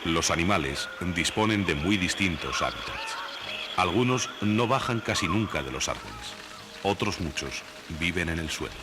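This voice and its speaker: A man reading scripted nature documentary narration in a measured, didactic way. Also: deep voice, expressive. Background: background music.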